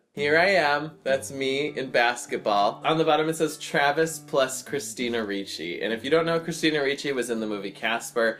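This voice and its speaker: A man's voice: medium pitch, a bit bright. An American man, around his thirties, chatting casually and reading old diary entries aloud in an amused, self-mocking, dramatic way. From United States. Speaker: vlogger.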